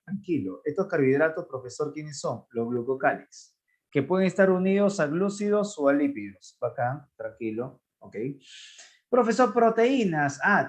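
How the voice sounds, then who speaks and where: A man teaching biology, lively, asking questions and answering them himself. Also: on the high side. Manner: animated, asks and answers his own questions, voicing students. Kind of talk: online class lecture.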